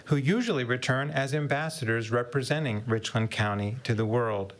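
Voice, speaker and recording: An older man reading a prepared statement, steady and measured, as a public commenter at a county hearing. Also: medium pitch.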